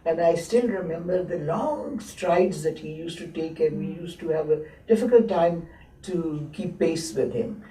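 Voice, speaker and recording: A woman in her seventies, born in Lahore and raised in Abbottabad, reminisces slowly as an interviewee, with many hesitant pauses. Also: fairly low pitch, mellow. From born in Lahore, grew up in Abbottabad. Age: 70s. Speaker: interviewee, textile historian. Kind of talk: slow reflective reminiscing. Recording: roomy echo, mic at a distance, faint hiss.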